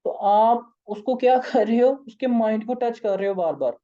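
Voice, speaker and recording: A hoarse, tired man with a Pakistani accent, leading an online sales training session in an informal, coaxing way. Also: high voice, normal speed, warm tone, muffled recording. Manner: informal, coaxing, keeps saying "okay". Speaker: sales trainer and company founder.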